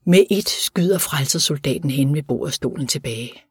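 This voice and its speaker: A man narrating an audiobook in an even, measured reading. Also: on the high side, breathy edge, dry recording, studio quality. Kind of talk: scripted narration.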